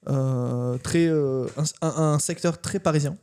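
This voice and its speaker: A man from southern France talks in a mellow, slightly high voice. He is a podcast co-host in casual conversation, hesitating often and circling back over his words. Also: clean tone. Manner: hesitant, halting, repeating himself. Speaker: podcast co-host and agency co-founder.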